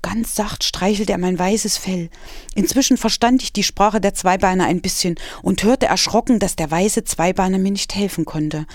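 A woman author reading her own children's story aloud in an expressive storytelling manner. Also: medium pitch, moderate pace, no room sound, studio quality.

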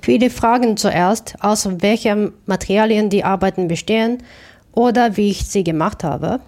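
A woman's voice: mid-range voice, normal speed, a little mellow. A woman from Japan, a Japanese native speaker, answering interview questions about her art in a careful, thoughtful way with small restarts. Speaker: artist.

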